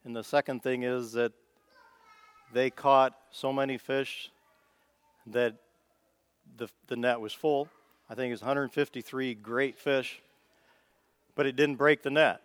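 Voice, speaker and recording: A preacher with a Midwestern American accent delivers an informal, folksy sermon, thinking aloud and making small restarts in a conversational way. His medium-pitched voice is clear and resonant, with fairly even intonation, a measured pace and frequent pauses, and there's no room sound.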